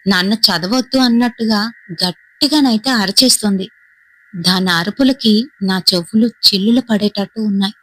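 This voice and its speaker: A woman's voice: mid-range voice, moderate pace, a bit bright, no room sound, low-quality recording. Woman narrating a Telugu horror tale. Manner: dramatic, frightened retelling with tense dialogue bursts. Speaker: storyteller. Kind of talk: first-person horror story narration.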